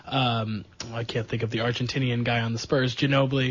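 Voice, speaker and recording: A man's voice: medium pitch, level tone, fairly quick, slightly rough, no echo. A man hosting a sports podcast, talking casually with sarcastic jokes and asides. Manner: chatty, jokey, sarcastic asides. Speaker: podcast host. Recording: dull lo-fi sound.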